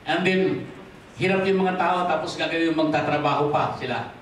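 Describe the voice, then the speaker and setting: A Filipino pastor delivers a sermon, his fairly high voice mixing in English and prompting the congregation for amens. He lifts his voice for emphasis and sinks low and soft at the end of each point. The sound is heavily echoey, picked up from across a large hall with faint noise underneath. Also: moderate pace, distant mic. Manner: drops low and quiet at ends of points. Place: church hall.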